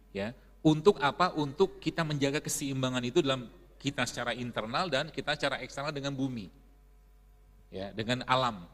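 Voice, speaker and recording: A man's voice: medium pitch, fairly bright tone. A middle-aged man giving a casual religious health talk to an audience, chatty and laughing often. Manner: chatty, laughs often, uses Islamic phrases. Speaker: preacher and health speaker. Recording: long hall reverb.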